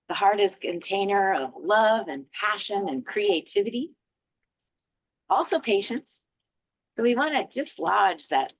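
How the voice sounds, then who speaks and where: Gentle woman guiding a qigong class. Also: medium pitch, no room sound, dull audio. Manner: gentle, soothing, encouraging. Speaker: qigong instructor.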